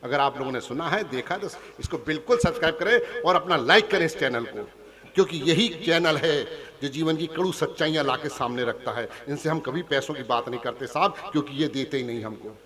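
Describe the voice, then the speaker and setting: A man's voice: fairly high pitch, fairly quick. A man from Punjab performing comic poetry on stage and teasing the audience directly. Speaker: comic poet. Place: large hall with a live audience. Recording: live stage hall recording with crowd.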